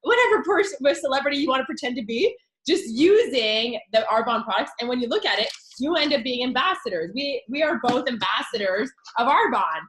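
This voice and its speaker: Woman hyped up pitching her biz, kinda high voice, lots of um and like, echoey room. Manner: excited, rapid, chatty with fillers. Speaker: network marketing consultant. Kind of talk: enthusiastic business pitch.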